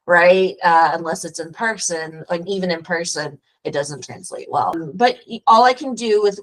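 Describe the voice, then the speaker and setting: A woman's voice: fairly low pitch, a bit bright, poor audio. A woman with a Texan accent, speaking as an immigration lawyer guest in an earnest interview over a video call, with frequent fillers and restarts. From Texas, US. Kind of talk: casual interview talk.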